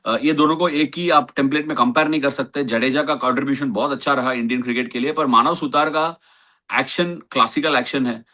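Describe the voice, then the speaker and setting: Indian man, cricket host, bright clear voice, playful banter. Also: medium pitch, fairly even intonation, quick pace. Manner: mixes Hindi and English, playful teasing. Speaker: cricket show host and former Test player. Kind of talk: casual cricket chat.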